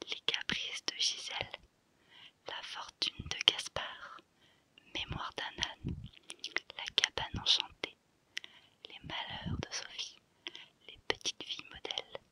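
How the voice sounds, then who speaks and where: A woman whispering softly in a hushed, breathy library whisper, reading out a list in an ASMR style and repeating phrases. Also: no echo.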